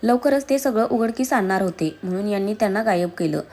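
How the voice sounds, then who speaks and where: A woman's voice: medium pitch, animated, brisk, darkish tone. Fierce accusing young woman, read by a woman. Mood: furious. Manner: heated, accusing. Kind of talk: storybook reading.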